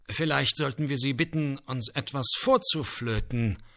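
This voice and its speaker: A man's voice: mid-range voice, measured pace, bright, forceful tone, voice pushed up. A man voicing a flustered but kindly orchestra conductor in a told story, speaking in a raised, coaxing, reasonable way.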